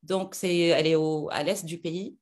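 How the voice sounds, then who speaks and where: A woman's voice: deep voice, steady tone, normal speed, a little mellow. A middle-aged woman from Algeria, a lawyer being interviewed, talking with many fillers and restarts. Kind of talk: casual interview talk.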